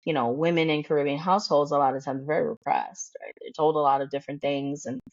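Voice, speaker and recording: Bold, blunt woman coach, low voice. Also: fast talker, no room sound, dull audio. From United States. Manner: bold, blunt, animated, laughs often. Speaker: guest, career development coach. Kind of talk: casual podcast conversation.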